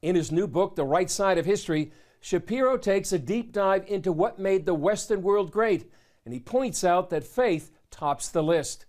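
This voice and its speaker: High-pitched American male news anchor. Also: lively intonation, normal speed, a little mellow. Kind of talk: scripted broadcast introductions. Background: music.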